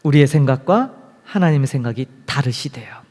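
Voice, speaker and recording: Male pastor, sermon, big pitch swings, soft whispers to loud calls, church with long echo. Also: moderate pace. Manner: animated preaching, swings from loud exclamations to hushed whispers. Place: church sanctuary. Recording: long hall reverb.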